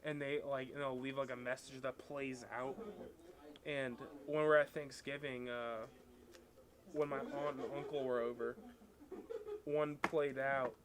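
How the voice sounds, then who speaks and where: A young man in casual chat with a friend, joking and teasing with quick retorts. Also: mid-range voice, flat delivery, a crowd in the background. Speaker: guest.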